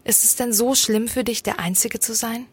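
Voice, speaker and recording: A woman's voice: a little high, fairly even intonation, normal speed, husky. Woman doing a lonely young ghost woman. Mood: urgent.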